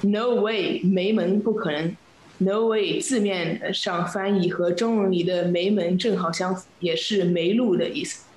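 A woman teaching English in Chinese, reading lesson dialogues and explaining phrases with clear, steady classroom reading. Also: on the low side, measured pace, a little hiss or hum. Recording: echoey room.

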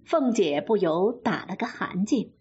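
A woman storyteller narrating a classic novel in an expressive way. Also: medium pitch, breathy edge. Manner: slow, lively, expressive narration. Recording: dull lo-fi sound with faint music.

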